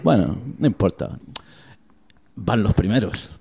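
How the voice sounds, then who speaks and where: A man's voice: lowish voice, lively intonation, measured pace, gravelly, mellow. A middle-aged man, a radio guest teasing and telling gossip with many restarts. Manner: chatty, teasing, hesitant restarts. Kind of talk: joking radio chat.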